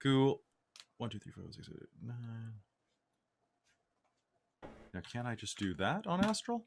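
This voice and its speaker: A man's voice: mid-range voice, sing-song, measured pace, creaky, a little hiss or hum. A man playing a tabletop game in a casual, joking way. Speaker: player.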